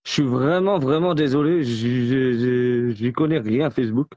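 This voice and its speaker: A man's voice: medium pitch, moderate pace, a little mellow, no echo. Casting note: male live-stream host, apologetic and fumbling, dry, muffled audio. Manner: flustered, apologetic. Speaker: host of an online group live.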